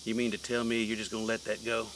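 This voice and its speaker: A man's voice: on the low side, monotone, fast talker, a bit bright, slight background noise, natural voice, low-quality recording. A man, playing a rural preacher who rouses a mob with scornful scripture. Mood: preaching. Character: menacing rural preacher leading a lynch mob. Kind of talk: film drama acting.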